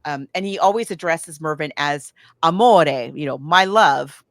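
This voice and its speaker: An American woman co-hosts a podcast, casually retelling a film and breaking into acted-out versions of its lines. Her voice is low and a little slow, captured in studio quality with no echo.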